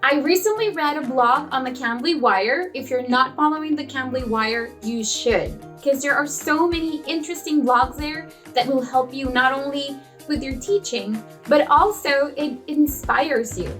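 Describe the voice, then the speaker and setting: A woman's voice: sits high, normal speed, few pauses, soft background music. A woman who tutors children online, sharing casual teaching tips and acting out classroom dialogue. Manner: expressive, acts out classroom dialogue.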